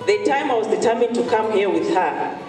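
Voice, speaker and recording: A woman's voice: mid-range voice, lively intonation, a little fast. A woman from Zambia, giving an earnest church testimony and repeating key phrases for emphasis. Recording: echoey hall, far from mic, music behind. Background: music.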